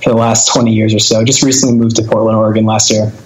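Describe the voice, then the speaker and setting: A man's voice: lowish voice, little pitch movement, quick pace. A man in his thirties, a guest in a casual podcast interview, talking in a laid-back, rambling way with a lot of fillers and casual swearing. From born in Boston, raised in Connecticut and Wisconsin. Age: 30s. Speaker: interview guest, filmmaker and former hardcore musician. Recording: roomy echo.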